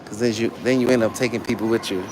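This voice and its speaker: A man livestreams casually while on the move through a public library building, talking to viewers in blunt, slangy, profane language. His fairly low voice stays fairly even in intonation, rattling along rapid-fire. The handheld live stream is noisy.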